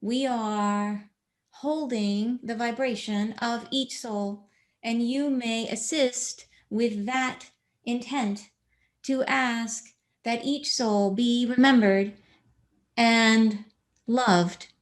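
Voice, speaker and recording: A woman channeling a spiritual message in a slow, measured, solemn way, speaking as a collective. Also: fairly high pitch, fairly even intonation.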